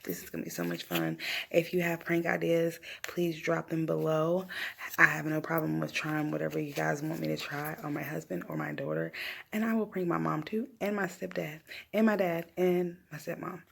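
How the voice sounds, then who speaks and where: Female vlogger, slightly low voice with strong creak, casual and rambling, thinking out loud. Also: moderate pace. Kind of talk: casual unboxing chat. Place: small room at home, indoors. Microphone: phone at arm's length.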